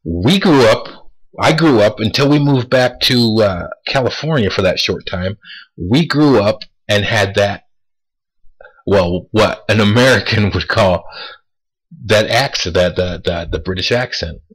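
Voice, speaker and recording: Husky low-voiced man musing to camera. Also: animated, poor audio. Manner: deliberate, repeats words for emphasis; asks rhetorical questions. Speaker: vlogger. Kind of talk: casual monologue to camera.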